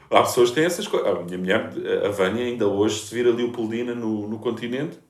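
A man's voice: mid-range voice, moderate pace, reverberant. A man in his thirties with a European Portuguese accent, casually chatting and telling stories with lots of swearing and laughter. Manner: animated storyteller, swears freely, laughs often. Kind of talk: casual chat.

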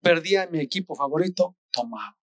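Preacher, male, high voice, slow and earnest, exhorting, dry sound. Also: expressive, dry recording. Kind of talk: sermon.

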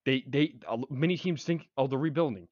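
A man's voice: mid-range voice, brisk, no echo. A young man co-hosting a casual sports chat. He rambles and restarts his sentences, pushing his opinions hard. The recording is dry and slightly muffled. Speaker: sports podcast co-host. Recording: dry, dull lo-fi sound.

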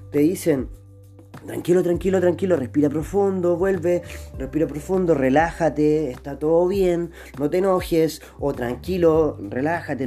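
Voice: mid-range voice, dark tone. A speaker with a Chilean Spanish accent giving a motivational talk, posing rhetorical questions, answering them, and repeating phrases for emphasis.

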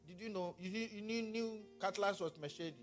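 A Ghanaian pastor with a high voice and a Ghanaian accent preaches a sermon at a moderate pace, with faint music behind him. He is animated and talks back and forth with his congregation.

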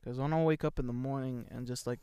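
A young adult man co-hosts a podcast, rambling loosely with lots of fillers and frequent laughter. His medium-pitched voice is fast, steady, dark, clear and resonant, captured in a dry recording with the highs cut off.

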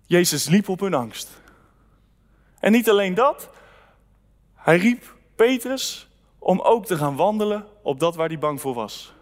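High-voiced man preaching in a reverberant hall. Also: animated, a little slow, long pauses. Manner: conversational preaching with scripture reading. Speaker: pastor. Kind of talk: sermon.

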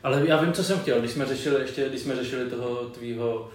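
A young man co-hosting a casual podcast, telling stories in a slangy, rambling way with lots of restarts. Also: medium pitch. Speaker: podcast co-host. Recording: very echoey room, mic off at a distance, faint noise.

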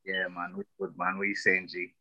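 A man with a London accent giving opinions in a casual discussion, forceful and slangy, often checking that he is being followed. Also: deep voice, completely flat delivery, normal speed, no room sound.

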